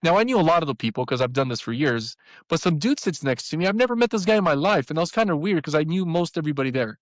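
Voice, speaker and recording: Brief: fifties male podcast guest, lively storyteller, slightly high voice, dry close sound. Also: fast talker, dry recording, rough recording. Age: 50s. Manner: animated storyteller, voices the people he quotes. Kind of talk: personal storytelling.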